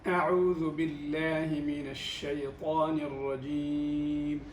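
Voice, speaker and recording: A man reciting for his teacher, slowly and in a steady, even voice, repeating words after him. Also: a little high. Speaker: student reciting. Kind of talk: slow Quran recitation practice. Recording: roomy echo, distant mic, faint noise.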